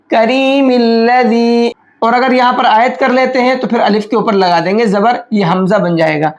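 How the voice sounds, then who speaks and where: A man teaching Quran recitation rules step by step. He asks questions aloud and answers them, and he slows right down to recite the example words. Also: high-pitched. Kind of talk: step-by-step tajweed lesson.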